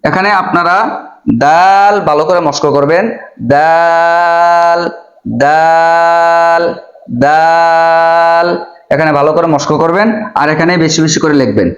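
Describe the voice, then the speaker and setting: Patient male Quran teacher, fairly high voice, repetitive drill delivery, slightly muffled echoey recording. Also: fast, fairly bright tone. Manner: patient, drawing out letter sounds again and again. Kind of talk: step-by-step lesson on Arabic letters. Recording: echoey, dull room sound.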